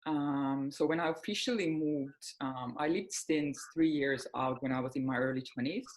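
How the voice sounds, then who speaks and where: A woman's voice: rumbling low, normal speed, rough recording. Woman in her forties. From Finland. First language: Finnish. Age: 40s. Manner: reflective, open, many soft fillers. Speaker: guest, healing coach. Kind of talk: casual interview chat.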